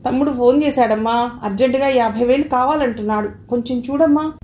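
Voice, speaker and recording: ఒక ఆమె చదువుతున్న తల్లి పాత్ర, పెద్దావిడ, బుజ్జగించే మాట, మెల్లని గొంతు, గదిలో ప్రతిధ్వని. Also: female voice, fairly high pitch, a little fast, a little mellow, reverberant, slight background noise, lightly acted. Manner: coaxing, motherly. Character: worried older mother, scheming, favors her son.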